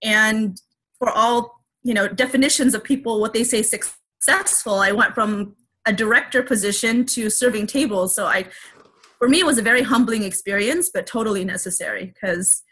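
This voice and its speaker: A woman's voice: fairly high pitch, moderate pace, sharp tone, husky. A woman speaking candidly as an interview guest, reflective and open, with many fillers and restarts. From Filipino heritage.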